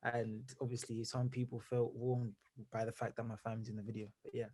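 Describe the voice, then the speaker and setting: A young man from Zimbabwe, a musician who is a guest in an interview. He talks energetically and rambles, stringing thoughts together with plenty of fillers. His voice sits at an ordinary middle pitch. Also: flat delivery, fairly quick, mellow, slightly rough. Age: young adult. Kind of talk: casual interview answers.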